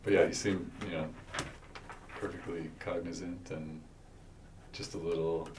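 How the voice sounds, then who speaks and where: A man answering questions as a witness, halting and unsure, often restarting his sentences. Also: deep voice, little pitch movement. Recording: distant mic with faint noise.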